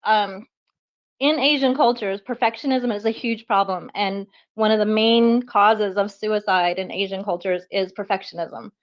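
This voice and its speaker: Animated woman on lo-fi online audio. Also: mid-range voice, moderate pace. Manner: animated, self-deprecating, laughs often. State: out of breath. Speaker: guest artist and fundraiser. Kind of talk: casual chat on a live audio space.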